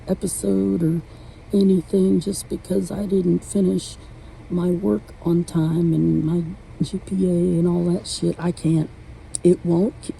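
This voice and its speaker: A woman in her late forties talking at home from her bed in a halting, rambling vlog monologue full of restarts. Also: fairly low pitch, vocal fry, warm tone, a little hiss or hum, rough recording. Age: 40s. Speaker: vlogger.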